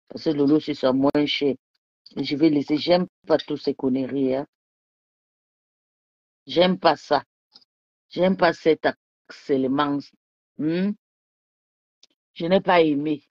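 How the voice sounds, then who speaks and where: A woman with a low, slightly mellow voice streams casually from her bedroom, wine in hand. Between sips she brags, jabs at rivals and rambles, over and over asking viewers if they followed, in a lo-fi recording with no room sound.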